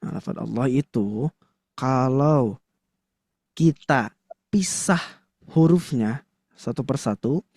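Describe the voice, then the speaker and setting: A man's voice: medium pitch, lively intonation, slow, long pauses, darkish tone, dry recording, clean studio sound. A man teaching a Quran recitation class to a live audience, chatty and full of fillers, often stopping to quiz the room. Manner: conversational, filler-heavy with frequent "nah", quizzes the audience.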